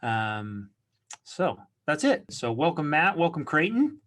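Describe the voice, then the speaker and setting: A man hosting a podcast, giving an upbeat, brisk introduction and team announcements with frequent fillers. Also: a little high, very animated, a bit bright. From Utah. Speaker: podcast host.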